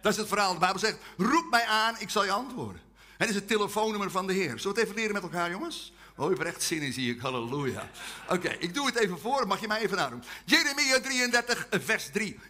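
A man delivers a testimony sermon full of jokes. His voice sits high and bright, and his pitch swings widely as he leads the crowd in chants. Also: fast talker. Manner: humorous, animated, leads call-and-response chants. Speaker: preacher. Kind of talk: testimony sermon to a live audience.

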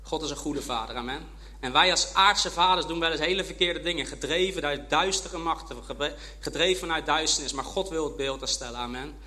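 A man preaching a sermon as a guest speaker, passionate, swinging from loud emphatic peaks to soft intimate passages, with frequent amens. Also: fairly high pitch, brisk. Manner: punctuates with frequent "amen". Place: church service with congregation.

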